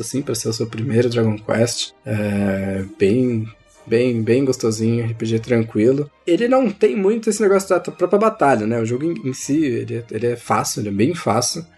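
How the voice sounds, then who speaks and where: A man's voice: mid-range voice, darkish tone. A young man with a Brazilian Portuguese accent, chatting casually and telling stories about video games in slangy, informal speech. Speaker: gaming podcast host. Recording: music playing behind the voice. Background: background music.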